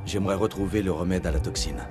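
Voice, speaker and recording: An actor playing a composed, authoritative military commander in a video game, terse and matter-of-fact. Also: male voice, low voice, steady tone, fast, music in the background, lightly acted. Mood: composed, persuasive. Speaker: commander, special agent.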